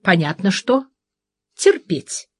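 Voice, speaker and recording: A wry, tough woman detective who grumbles at herself and plays up her suffering, as a woman reading an audiobook puts her on. Her pitch moves a lot, and the sound is dry and close. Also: lively intonation, takes it slowly, breathy edge, no room sound. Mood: wry, grumbling. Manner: wry inner monologue, mock-suffering. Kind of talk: audiobook character voice.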